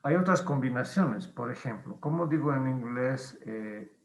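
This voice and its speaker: Slow, gravelly teacher. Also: male voice, medium pitch, lively intonation, echoey room. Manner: patient, explains slowly with many pauses and fillers. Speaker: English teacher. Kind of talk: online class explanation.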